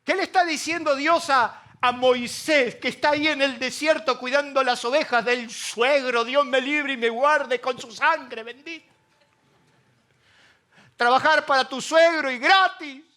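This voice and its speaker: A middle-aged man with an Argentine accent preaching a sermon, joking between loud preaching and quiet asides. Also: very high voice, unhurried. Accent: Argentine Spanish. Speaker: pastor.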